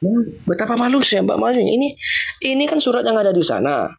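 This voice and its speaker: A young Indonesian man speaks informally to his livestream viewers, emphatically repeating his points and mocking the other side. His high, gravelly, rasping voice is very animated and quick.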